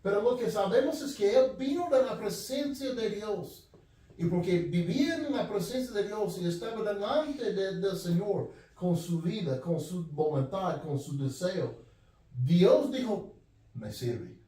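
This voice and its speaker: A man with a high voice preaching a sermon, earnest and direct, circling back over his own phrases. He is picked up from well away from the mic, and his words ring around a very reverberant room. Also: animated, a little slow, mellow. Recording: very echoey room, voice from far off.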